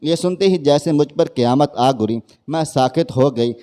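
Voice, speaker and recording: A man's voice: on the high side, warm tone. A man reading out a woman's sad first-person story as scripted narration.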